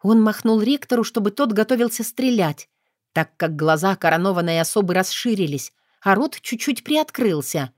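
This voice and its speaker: Female audiobook narrator, expressive storytelling, dry close sound. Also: medium pitch, normal speed, no room sound.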